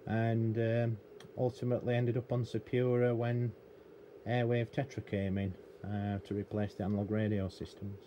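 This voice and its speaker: The highs are cut off on this recording of a lowish male voice speaking in a level tone at normal speed. A middle-aged British radio technician and hobbyist presenter rambles, unscripted and matter-of-fact, through a hands-on explanation at a cluttered indoor electronics workbench, with noticeable room noise behind him.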